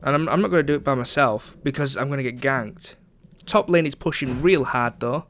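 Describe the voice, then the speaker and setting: A man's voice: medium pitch, a little fast, fairly bright tone, slight background noise. A young man giving casual, chatty commentary over his own gameplay, sarcastic about his teammates and dropping frequent ums.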